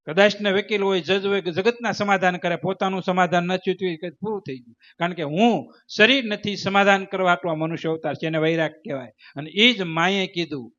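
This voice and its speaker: A man's voice: high-pitched, brisk, a bit bright. A man giving a devotional sermon as a spiritual teacher, preaching emphatically with rhythmic repetition. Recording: dull lo-fi recording.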